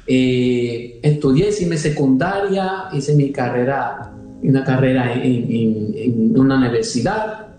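A man talks as a religious missionary, hesitating and restarting often. His voice is mellow and sits at a middling pitch. It sounds very echoey, with faint music underneath. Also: slow pace. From Puerto Rico. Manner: hesitant, many restarts and fillers. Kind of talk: conversational interview.

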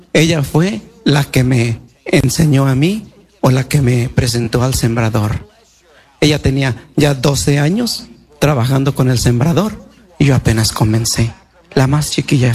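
This priest's voice is notably high yet husky and darkish in tone. He shares a personal testimony as a sermon, using plain, colloquial, devout speech and frequently repeating a phrase to stress it.

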